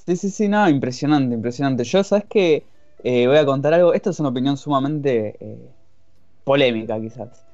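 A man's voice: medium pitch, expressive, normal speed, a little mellow, no room sound. A man with an Argentine accent, a guest on a casual podcast, talking in a laid-back, jokey way. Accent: Argentine Spanish. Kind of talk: casual chat. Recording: dull lo-fi dry audio, faint music.

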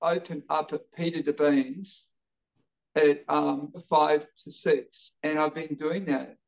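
On a muffled recording, a gravelly, fairly high-pitched man in his late fifties talks slowly as a guest on a podcast. He's a New Zealand jiu-jitsu coach, energetically spinning casual stories and repeating words as he stumbles along.

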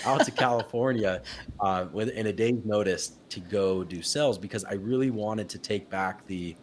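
Deep-voiced guy from utah, young, chatting as a guest, animated, laughs a lot, acts out his old conversations. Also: normal speed, slight background noise. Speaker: guest, company founder. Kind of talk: casual interview storytelling.

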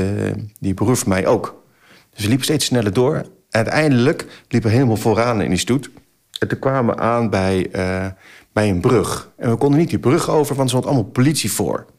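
A man in his forties, a podcast guest, telling a story in a casual, animated way, acting out his own past exclamations with plenty of filler sounds. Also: on the low side, moderate pace.

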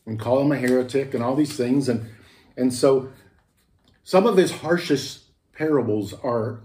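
A male pastor preaches in a loose, conversational way, wandering through personal stories and restarting his sentences. His voice is warm and mellow. The sound carries a roomy church echo. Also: medium pitch. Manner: chatty and anecdotal, with many restarts. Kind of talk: conversational sermon.

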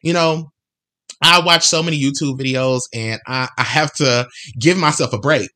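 A man hosting a solo motivational podcast, talking earnestly and encouragingly, repeating phrases for emphasis and slowing down on key words. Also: medium pitch, bright, forceful tone. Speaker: podcast host.

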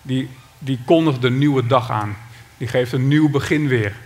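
A man's voice: mid-range voice, a little slow. A man with a Dutch accent preaching a sermon, reading scripture and retelling it with dramatic cries. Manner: dramatic, shouts out the beggar's cry.

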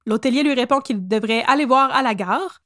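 A woman with a Québécois accent hosting a podcast, telling a history story in a casual, animated, joking way. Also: high-pitched, a little fast, no room sound, clean studio sound. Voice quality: animated, jokey, laughs often.

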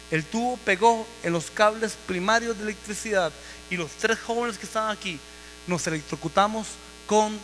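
A male preacher delivers a vivid, emphatic testimony from the pulpit. His voice sits high and sounds bright and forceful. It carries through the long reverb of a church hall over a faint mains hum. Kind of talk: sermon testimony.

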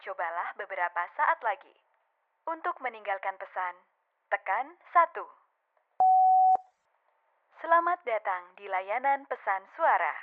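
A woman with an Indonesian accent speaking as an automated phone menu voice, giving formal, measured scripted voicemail prompts. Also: mid-range voice, lively intonation. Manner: formal, measured announcement delivery. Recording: tinny narrow telephone line.

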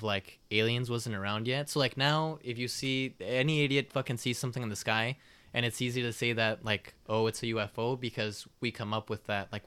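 A smooth, fairly deep American man tells stories as a podcast host. He is wordy and drifts into casual asides, with a dry, close sound. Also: fairly bright tone, dry recording.

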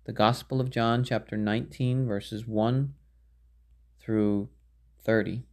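A man reading scripture aloud in a measured, solemn way, phrasing archaic verse with care. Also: lowish voice, fairly even intonation, a little mellow. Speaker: Bible reader.

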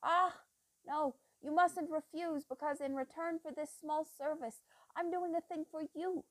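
A feverish, obsessive old doctor, as a woman reads him, speaking low and slow with a dry, close sound. His intense murmur breaks without warning into loud, heated bursts. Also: fairly even intonation, dry recording. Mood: menacing, obsessive.

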